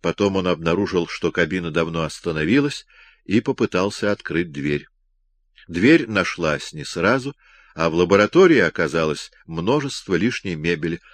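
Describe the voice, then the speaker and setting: A man narrating a story for an audiobook in an expressive, measured way. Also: low-pitched, dry recording. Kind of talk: scripted narration.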